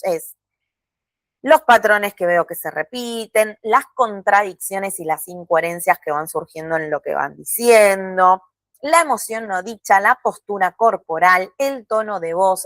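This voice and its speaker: A woman, pitched in a middle range, walks her students through a method step by step. She speaks calmly, pausing to check in with short tag questions. The sound is dry and close, with no room around it. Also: no room sound. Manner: calm, explanatory, checks in with frequent tag questions. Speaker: course instructor. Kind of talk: recorded video lesson.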